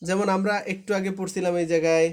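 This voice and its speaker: High-voiced man teaching Quran reading patiently. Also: level tone, fast. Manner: patient, repetitive, often checks understanding. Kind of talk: live online class instruction. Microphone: online live class.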